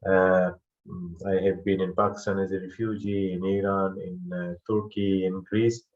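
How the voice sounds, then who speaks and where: A man from Afghanistan speaking as a guest on an online panel, with many pauses and fillers, over a video call. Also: sits low, little pitch movement, a little mellow, muffled recording.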